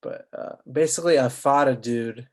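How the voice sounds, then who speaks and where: A man's voice: medium pitch, moderate pace, a little mellow. A man from Southern California co-hosting a podcast, talking bluntly and swearing freely. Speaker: podcast co-host. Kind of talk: casual podcast chat.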